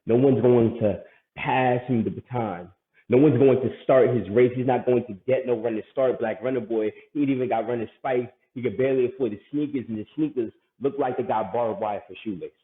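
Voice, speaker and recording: A man's voice: mid-range voice, brisk. Man performing intense spoken-word poetry. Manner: rhythmic, building intensity. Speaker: poet. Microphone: online open mic call. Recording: tinny phone-like sound, roomy echo.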